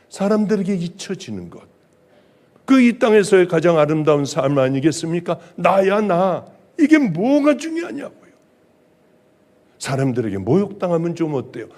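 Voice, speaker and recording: A middle-aged male pastor preaching a sermon, emphatic, swinging from loud exclamations to hushed, quiet lines. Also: high-pitched.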